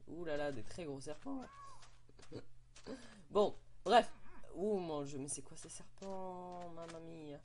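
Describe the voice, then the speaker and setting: A man's voice: on the high side, moderate pace, few pauses, warm tone, a little hiss or hum. A young man, giving playful, chatty commentary on his game and exclaiming at what he finds. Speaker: Minecraft let's play host. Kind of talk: casual gameplay commentary.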